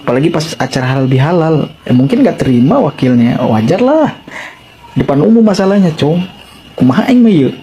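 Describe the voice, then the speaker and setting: A man's voice: fairly high pitch, sing-song, brisk, warm tone, a little hiss or hum, poor audio. A man from Banten with a Sundanese accent, giving exasperated, slangy commentary in a casual vlog. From Banten, Indonesia. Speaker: video commentator.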